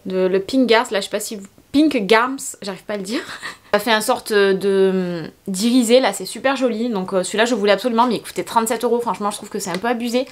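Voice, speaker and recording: A woman's voice: mid-range voice, steady tone, fast talker. A tired young woman, chatting casually through a get-ready-with-me vlog in her bedroom, rambling with many fillers. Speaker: beauty vlogger.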